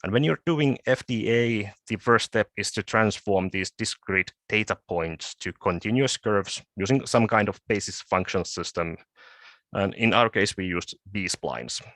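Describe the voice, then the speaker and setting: Halting low-voiced man presenting research. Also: a bit bright, no echo. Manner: halting, with frequent word repeats and restarts. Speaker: conference presenter. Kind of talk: academic conference presentation.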